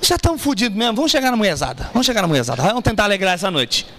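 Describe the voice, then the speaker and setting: A man's voice: high voice, very fast, a little hiss or hum. A man doing stand-up, telling a story and acting out both sides of the dialogue. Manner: animated, profane, acts out both sides of dialogue. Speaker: stand-up comedian. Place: small café stage with live audience.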